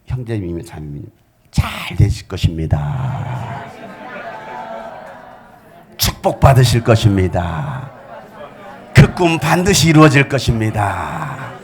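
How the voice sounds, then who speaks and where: A male pastor preaching a sermon at a church service, animated and speaking straight to the congregation. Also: lowish voice, unhurried, long pauses.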